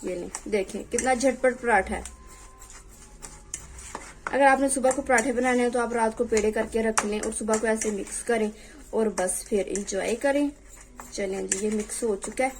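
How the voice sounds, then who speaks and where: Speaking at normal speed in a slightly high voice, a young cooking channel host works in her kitchen against a noisy background. She talks as she cooks, her voice occasionally dropping off-mic, and begs viewers to subscribe.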